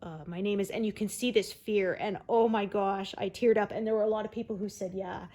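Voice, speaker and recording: A woman's voice: medium pitch, little pitch movement, brisk, dark tone. A woman hosting a cross-stitch video, chatting casually as she works, rambling with fillers and laughing often. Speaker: crafting video host.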